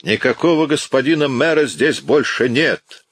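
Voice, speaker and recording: A man reading an audiobook and voicing a harsh, domineering police inspector who shouts orders with contempt. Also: on the low side, lively intonation, moderate pace, breathy edge, dry recording, studio quality, voice pushed up. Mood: barking.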